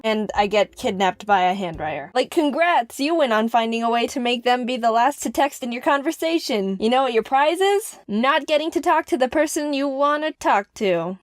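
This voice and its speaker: A young woman narrating funny personal stories, sarcastic and expressive, with sudden high yells. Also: normal speed, hardly any pauses, no echo, soft background music. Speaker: animator and narrator. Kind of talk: comedic storytime narration.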